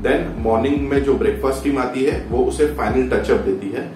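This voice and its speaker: Faint background music and a roomy echo from a distant mic frame this vlog, where a young man at medium pitch and normal speed explains cruise ship jobs casually. He blends Hindi with English and keeps repeating "ठीक है," "theek hai," and "आपको बताना चाहूंगा."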